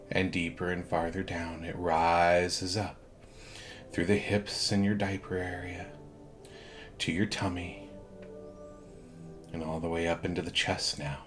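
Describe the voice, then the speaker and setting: Low-pitched man, hypnotist, soothing guided relaxation, unhurried phrasing, long pauses, music playing behind. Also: fairly bright tone. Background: background music.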